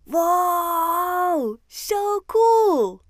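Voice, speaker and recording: A woman voicing a lively, easily amazed little girl in a children's audiobook, excited and impatient in how she speaks. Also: high voice, unhurried, no echo, clean studio sound, pitched above the performer's own voice. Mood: squealing.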